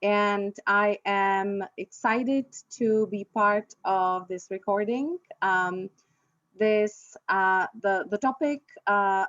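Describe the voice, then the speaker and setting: A woman introduces a conference session, halting often with fillers and restarts. Her voice sits in a middle range. The recording is dry and slightly muffled. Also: medium pitch, no echo. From Czech Republic. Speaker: session moderator, librarian.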